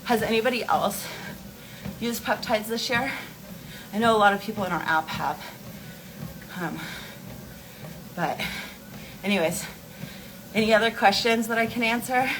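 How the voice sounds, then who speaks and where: Speaking unhurriedly with long pauses, the beauty and wellness host has a fairly high-pitched voice here. She walks an inclined treadmill during her casual livestream and rambles informally as she explains answers to viewer questions. Background noise is present.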